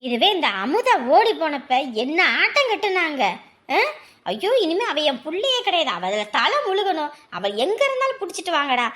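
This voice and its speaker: A woman's voice: very high-pitched, sing-song, normal speed, fairly bright tone, heavily acted. A woman playing an anguished village mother in a family drama, scolding and pleading emotionally. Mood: bitter complaint. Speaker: mother of the groom. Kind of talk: Tamil family drama acting.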